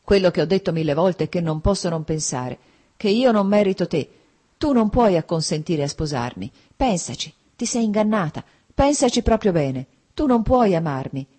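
A woman's voice: fairly low pitch, animated, moderate pace, mellow. A woman reading a novel aloud, voicing an anxious, tormented young man who pleads earnestly. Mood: pleading. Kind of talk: audiobook character reading.

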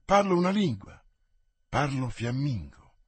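A man's voice: mid-range voice, very animated, unhurried, breathy edge, no room sound. A man reading aloud and voicing a cautious, sly male servant who talks in a plaintive, wary way.

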